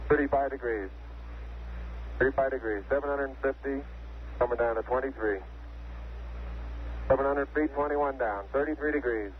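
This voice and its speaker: A man's voice: mid-range voice, moderate pace, long pauses. A spacecraft crew member, a man, making terse numeric callouts over a crackly space radio transmission with beeps. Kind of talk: radio communications. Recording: tinny, noisy archival radio link.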